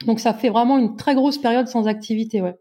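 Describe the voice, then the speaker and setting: Mellow-voiced woman in her forties. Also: a little high, fairly even intonation. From Brittany, France. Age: 40s. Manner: hesitant, many filler pauses, self-mocking humour. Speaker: guest, amateur endurance runner. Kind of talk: podcast interview.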